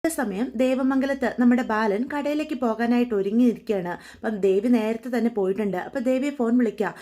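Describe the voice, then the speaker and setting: Chatty woman with a high voice. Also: fairly quick, warm tone. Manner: chatty, friendly, with colloquial fillers. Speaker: serial recap host. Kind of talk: casual retelling of a TV serial episode.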